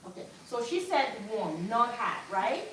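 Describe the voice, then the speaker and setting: A woman's voice: a little high, measured pace. A woman hair care instructor teaching a live hands-on demonstration at a salon wash sink, chatty and coaching. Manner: coaching, chatty, turns loud and upbeat when excited. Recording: very echoey room, distant mic, faint noise.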